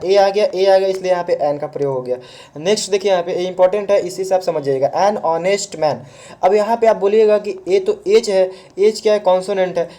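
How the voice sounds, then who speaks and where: Speaking Hindi laced with English words, a man teaches grammar online, patiently working through each step and answering the questions he poses himself. His voice sits high and has a dark tone.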